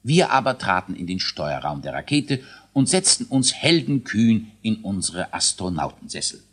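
A man narrating a children's storybook in a lively, expressive reading. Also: on the low side, moderate pace, husky.

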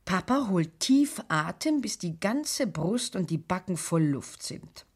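A woman narrating a children's radio play in a calm, clear storytelling manner. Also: on the low side, slow pace.

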